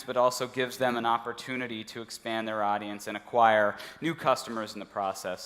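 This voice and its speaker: Man moderating a panel in a hall. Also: mid-range voice. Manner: relaxed, joking, many fillers. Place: conference stage. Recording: long reverb of a conference hall.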